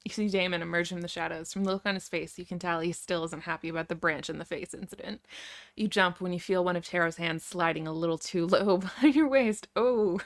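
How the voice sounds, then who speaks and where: A young woman reading a story aloud and breaking off for sarcastic commentary. Her voice is low and gravelly. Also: fast talker. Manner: wry, sarcastic asides. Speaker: YouTuber.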